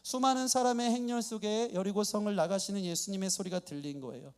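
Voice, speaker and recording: A man's voice: sits high, quick pace, darkish tone, smooth. A male pastor delivering a dramatic, emphatic sermon in a church. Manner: dramatic, emphatic preaching with acted-out quotes. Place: church sanctuary.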